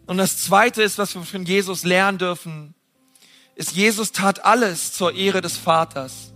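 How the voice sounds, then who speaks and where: Man, sermon preacher, high voice, bright tone, passionate, emphatic, casual direct address, faint music behind. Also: steady tone, unhurried. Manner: passionate, emphatic, swings from loud to soft.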